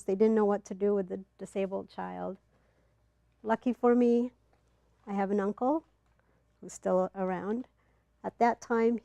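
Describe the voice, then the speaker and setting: A middle-aged woman from Ethiopia telling a personal story to a live audience, earnest and halting, with pauses and fillers, on a clip-on mic. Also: mid-range voice, gravelly, warm tone, no echo. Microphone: clip-on mic, not in front of the face.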